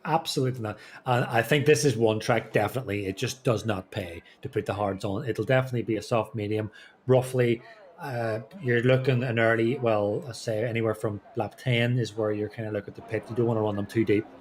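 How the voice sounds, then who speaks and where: A man's voice: lowish voice, steady tone, brisk, a little hiss or hum. A man co-commentating a sim race, chatty and rambling through anecdotes with lots of fillers.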